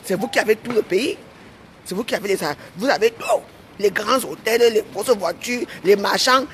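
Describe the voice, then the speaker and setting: At a moderate pace and medium pitch, with a little hiss or hum in the recording, a woman with a Cameroonian French accent rants to her audience as a vlogger. She sounds indignant and heated, repeats herself, and tags lines with "hein".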